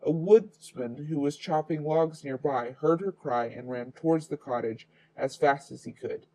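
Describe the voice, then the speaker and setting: A man's voice: fairly high pitch, a little slow, darkish tone, rough recording. A man reading a children's fairy tale aloud as the storyteller.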